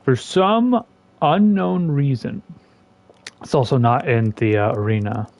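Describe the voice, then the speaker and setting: Slow, sarcastic male game ranter. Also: creaky, no room sound. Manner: exasperated and sarcastic, with lively swings in pitch and loudness. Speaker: gaming content creator. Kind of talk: casual ranting commentary over gameplay.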